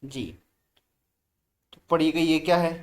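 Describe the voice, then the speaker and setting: Slow, drilling male Quran teacher. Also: fairly high pitch, steady tone. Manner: slow drawn-out letter drills, brisk asides to the student; urges the learner to read aloud. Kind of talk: recorded online lesson.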